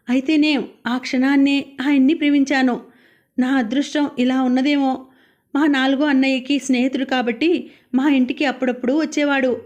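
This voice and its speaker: High-voiced woman reading a novel aloud. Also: darkish tone. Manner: reads all characters' dialogue herself, only lightly shifting voice. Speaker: audiobook narrator. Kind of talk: scripted novel narration.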